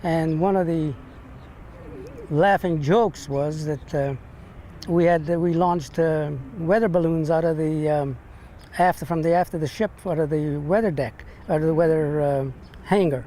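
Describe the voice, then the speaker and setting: An older American man remembers his days as a veteran in an interview. His voice is mellow and sits a little high for a man. He speaks haltingly, pausing and repeating words as he searches his memory, over faint background noise. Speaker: navy ship veteran being interviewed. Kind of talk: reminiscing in an interview. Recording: noisy, with steady background rumble.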